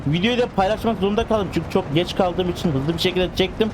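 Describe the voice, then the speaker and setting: A man commentating a driving game, excitably cheering and teasing the cars in casual slang. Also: sits high, quick pace, noisy background. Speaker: gaming channel host.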